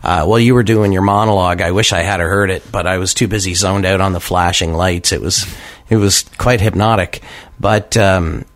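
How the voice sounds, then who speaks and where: A man telling stories as a guest on a campus radio show, animated and quick to laugh. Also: deep voice, no echo. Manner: animated storyteller, laughs often. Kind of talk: casual radio chat, storytelling.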